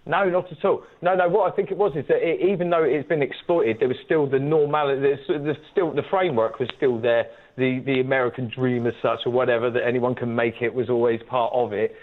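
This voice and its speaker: A man calling a radio phone-in over a Bluetooth phone from a big farmhouse room. His voice echoes, and he talks in a halting, rambling way full of restarts. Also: mid-range voice, fairly even intonation. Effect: echoey sound from a big room. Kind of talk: phone-in call chat. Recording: tinny phone line with room echo.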